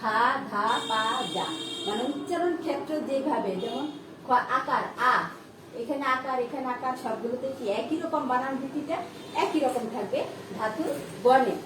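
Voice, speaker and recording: A woman's voice: sits high, moderate pace, noisy background. A woman teaching a grammar lesson to students. She repeats each point and asks herself questions as she explains. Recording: echoey room, mic at a distance.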